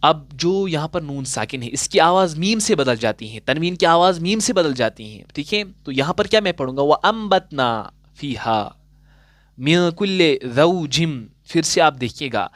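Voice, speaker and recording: A man teaching Quran recitation rules in a patient classroom style, asking questions and answering them himself, and slowing down to recite example verses. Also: on the high side, fairly bright tone, no room sound, studio quality. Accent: Urdu-inflected Hindustani. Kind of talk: classroom-style tajweed lesson.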